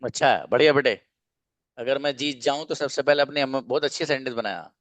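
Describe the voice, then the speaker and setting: A man's voice: medium pitch, fairly quick, fairly bright tone, dry recording. A man teaching an English grammar lesson to a class, explaining in a playful way and acting out little mock dialogues.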